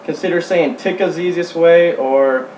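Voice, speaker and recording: A man giving an informal how-to demonstration as a hunting instructor, speaking in a halting, plain-spoken way. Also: on the high side, steady tone, a little mellow. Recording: roomy, distant mic, faint hum.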